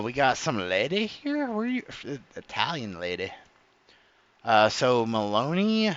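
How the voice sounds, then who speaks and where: Reacting to clips as a streamer, this man rambles casually, keeps correcting himself mid-thought and curses without restraint. His lowish voice is clear, resonant and a bit bright, with the high frequencies cut off.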